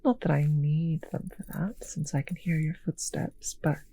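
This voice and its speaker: A woman plays a teasing, possessive vampire mistress for an intimate roleplay audio drama, using a deep, warm, breathy voice that often drops to a whisper. Her slow, condescending, heavily acted delivery comes across as doting and possessive.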